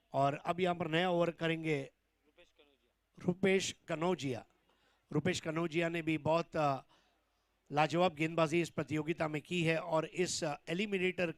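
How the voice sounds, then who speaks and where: Guy doing excited cricket commentary, high smooth voice, dry close sound, stretches out the big calls. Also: no room sound.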